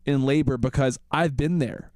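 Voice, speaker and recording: A young man co-hosting a podcast, telling animated stories in casual chat and laughing often. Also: medium pitch, moderate pace, no echo. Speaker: podcast co-host.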